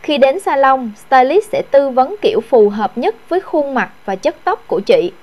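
Female salon receptionist, higher-pitched, formal and courteous customer service delivery. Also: animated, moderate pace, a little mellow. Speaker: salon receptionist taking a phone booking.

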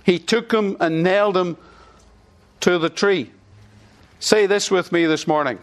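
A middle-aged man with an Irish accent, a pastor, preaches a sermon and leads his congregation in call-and-response. His voice is high and his pace unhurried.

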